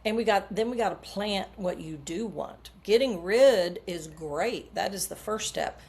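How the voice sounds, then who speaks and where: A middle-aged woman, a subconscious coach appearing as a podcast guest, earnestly explains her method through homely comparisons. Her mid-range voice is animated, unhurried and darkish in tone.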